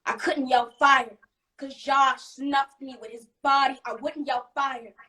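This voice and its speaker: A woman's voice: sits high, steady tone, unhurried, bright, forceful tone. Woman reciting slam poetry, distant from the mic. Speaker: slam poet. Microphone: video call.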